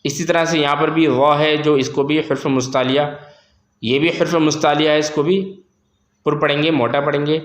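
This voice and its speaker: A man's voice: a little high, fairly even intonation, moderate pace, reverberant. A man teaching Quran reading, drawing out each syllable and repeating the sounds for learners. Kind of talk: slow, step-by-step recitation lesson.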